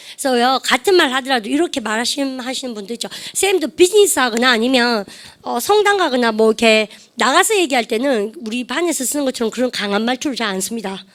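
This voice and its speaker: A woman teaching English in a classroom who drills phrases and has students repeat them. She says her model sentences slowly and draws them out. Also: fairly high pitch, expressive, fairly bright tone. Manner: slow, drawn-out model sentences. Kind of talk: classroom lecture.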